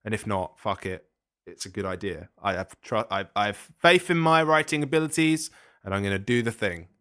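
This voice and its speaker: A man's voice: fairly low pitch, expressive, a little fast, fairly bright tone, dry recording, studio quality. A man co-hosting a film podcast, chatting casually and bluntly, swearing freely. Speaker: podcast co-host. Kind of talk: casual chat about films.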